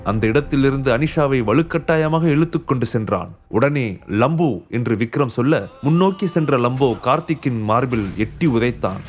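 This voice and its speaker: A man narrating a dramatic audio story in steady scripted narration. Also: mid-range voice.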